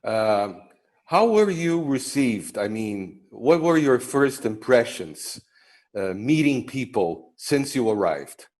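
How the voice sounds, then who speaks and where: Older man, TV host, video call, measured friendly questions, mid pitch. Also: sing-song, a little mellow. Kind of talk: interview questions.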